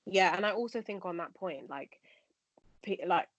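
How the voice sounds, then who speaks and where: A woman's voice: lowish voice, lively intonation, moderate pace, fairly bright tone, no echo, dull audio. A young woman co-hosting a casual podcast discussion, thoughtful, in long winding sentences with fillers. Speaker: podcast co-host.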